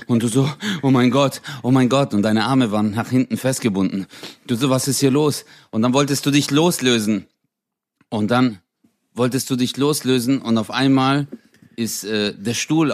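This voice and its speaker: A man co-hosting a casual comedy podcast, telling stories with lots of acted-out voices and laughter. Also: mid-range voice. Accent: German. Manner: animated storyteller, acts out voices and laughs a lot. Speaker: podcast co-host.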